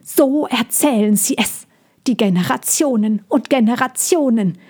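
A hissing, scolding male bird from a storybook, stern and territorial, guarding his patch with a high, sharp voice, as a woman puts him on. His lines come out strained and raised well above a plain speaking voice. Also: unhurried, breathy edge. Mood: hostile.

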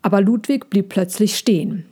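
A woman reading a children's story aloud in a slow, hushed, suspenseful way. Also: mid-range voice, slightly rough. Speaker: narrator.

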